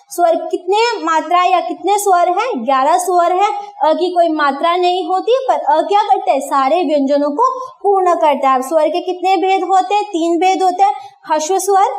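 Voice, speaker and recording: High-voiced woman teaching, echoey room. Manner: asks questions then answers them herself. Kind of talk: classroom grammar lesson.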